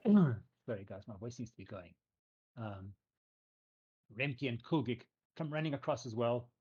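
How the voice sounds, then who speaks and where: A man's voice: mid-range voice, expressive, a little slow, a little mellow, slightly rough, dull audio. A man improvising narration as game master of a tabletop role-playing game, in a conversational storytelling style.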